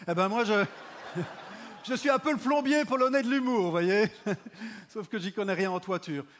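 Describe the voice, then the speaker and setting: Man from Belgium, stand-up comedian, fairly high voice, ironic asides, deliberate halting restarts. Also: fairly bright tone, slight background noise. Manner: ironic, mock-earnest asides to the audience; halting restarts used for comic timing. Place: comedy stage.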